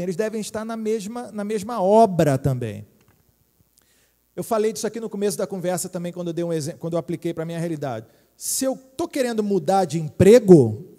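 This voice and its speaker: A Brazilian man in his forties, a pastor preaching a lively, joking sermon and speaking straight to his congregation. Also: sits high, long reverb tail. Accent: Brazilian Portuguese. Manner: lively, jokey preaching with direct appeals to the congregation. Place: church hall.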